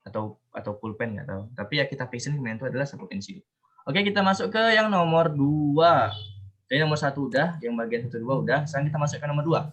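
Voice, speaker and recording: A man's voice: medium pitch, very fast, few pauses, dull audio. Chatty man teaching an online class. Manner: chatty, explains with repeated fillers and restarts. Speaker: Japanese language teacher.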